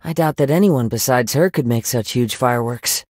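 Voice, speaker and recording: A man voices a young wandering samurai from a video game, gentle and wistful, in solemn, thoughtful character lines. His middle-pitched voice is soft, measured and reflective, with formal wording and only light acting. The recording is close and dry, with no room sound.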